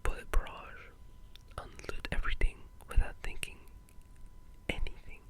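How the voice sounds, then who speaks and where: In a breathy, unvoiced whisper at a moderate pace, a video creator rambles casually and excitedly through ASMR-style gaming commentary.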